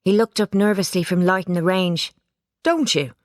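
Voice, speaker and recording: A woman reading a children's storybook aloud, giving it lively expression. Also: fairly low pitch, a little fast, no room sound, clean studio sound. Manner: lively character voices, plain narration. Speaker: audiobook reader. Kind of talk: storybook narration.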